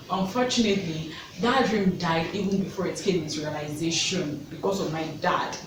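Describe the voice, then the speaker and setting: A woman's voice: on the low side, heavy reverb, recorded from a distance, noisy background. A Nigerian woman in her thirties, chatting casually to her viewers in a get-to-know-me vlog and repeating words for emphasis. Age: 30s. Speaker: vlogger.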